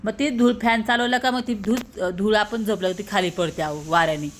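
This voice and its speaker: A woman's voice: mid-range voice, a little fast, slight background noise. A woman from Maharashtra in her thirties, a mother vlogging at home, chatting to viewers and explaining her chores step by step. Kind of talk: casual vlog narration to viewers.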